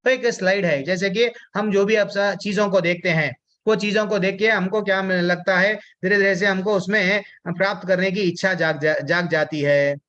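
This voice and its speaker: A high-pitched man leads a devotional scripture class, chanting verses and then explaining them. He keeps asking his listeners questions and answering them himself, with English words slipped into his speech. His voice is bright and ringing, and the recording sounds dull and lo-fi. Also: fairly even intonation, normal speed, few pauses. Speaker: Gita study class teacher.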